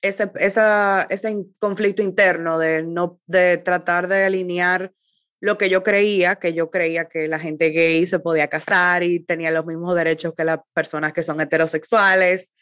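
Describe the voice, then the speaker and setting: A woman from the Republic, interviewing a guest in a thoughtful, halting way. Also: lowish voice, little pitch movement, fairly bright tone, clear, resonant tone, no room sound, studio quality. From Dominican Republic. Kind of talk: interview conversation.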